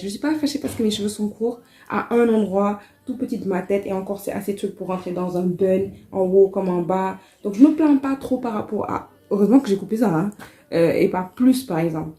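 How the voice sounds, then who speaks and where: A woman talking casually to camera as a hair vlogger, chatty and animated with exasperated asides. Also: mid-range voice, moderate pace. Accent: French. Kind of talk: casual vlog chat.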